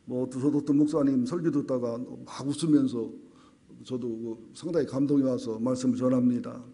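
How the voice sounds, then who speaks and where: Folksy pastor telling jokes. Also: male voice, mid-range voice, steady tone, moderate pace, mellow. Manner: folksy storytelling with jokes, acts out voices. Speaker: senior pastor. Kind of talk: humorous sermon. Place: church sanctuary.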